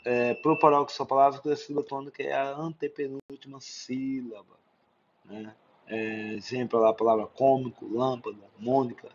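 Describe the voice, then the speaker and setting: A Brazilian man delivers a recorded lesson, working through lists of example words and pausing to ask "né?". His voice sits at an ordinary middle pitch. The recording is a little dull, with faint noise behind him. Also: flat delivery. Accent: Brazilian Portuguese. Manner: explains with many examples and frequent "né?" checks. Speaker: teacher. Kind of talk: recorded exam-prep lesson.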